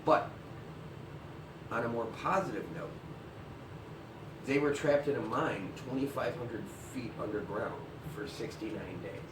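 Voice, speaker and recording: A man co-hosting a comedy news segment, delivering crude jokes in a dry deadpan. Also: mid-range voice, measured pace, long pauses, echoey room, recorded from a distance, background noise.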